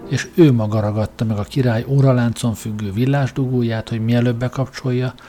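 A man reading a story aloud in a steady, even way as an audiobook narrator. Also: mid-range voice, faint music behind.

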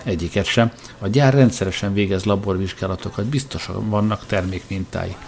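A man's voice: deep voice, fairly even intonation, creaky, darkish tone, a little hiss or hum. A man voicing a determined, resourceful adult man who leads the group, speaking in a curt, commanding way. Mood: urgent.

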